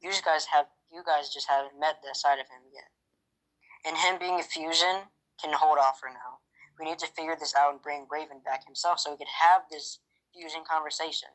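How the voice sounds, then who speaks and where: A man with a bright, forceful voice plays his character in a game roleplay. He speaks haltingly, stops and restarts often, and fills the gaps with little fillers. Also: on the high side, fairly even intonation, rough recording. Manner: hesitant, halting, full of fillers. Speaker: roleplay player.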